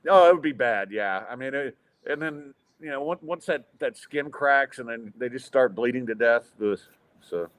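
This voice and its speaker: A man in his fifties hosts a podcast, trading casual banter and cracking wry, self-deprecating jokes. His medium-pitched voice moves at a moderate pace and has a slightly bright quality.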